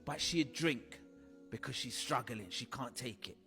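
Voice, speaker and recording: A man's voice: mid-range voice, unhurried, pushed and bright, in a large hall, faint music behind. A man earnestly telling his life story, with vivid re-enactments. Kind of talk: personal testimony talk.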